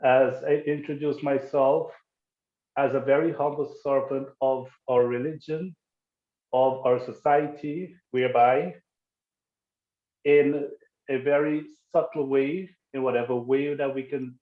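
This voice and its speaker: Guyanese pandit guy, humble n formal, slow talker, echoey tinny call audio. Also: mid-range voice, fairly even intonation. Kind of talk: formal interview answers.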